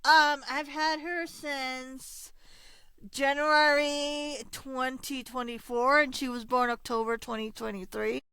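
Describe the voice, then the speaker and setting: Soft-spoken woman guest. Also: high-pitched, steady tone, slow, smooth, no room sound. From Puerto Rico. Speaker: voice actor guest. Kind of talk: casual interview chat.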